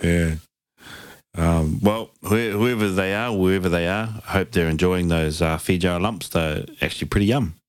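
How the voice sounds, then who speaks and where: Deep-voiced man, roomy sound. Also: normal speed, clean tone. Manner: laid-back, slangy. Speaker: podcast host. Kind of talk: casual chat.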